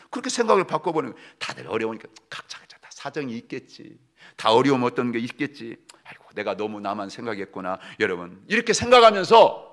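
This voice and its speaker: A man preaching a sermon as pastor, leading the congregation through readings and often calling out to them, swinging from loud exhortation to soft asides. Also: on the low side. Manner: addresses the congregation often, leads group readings.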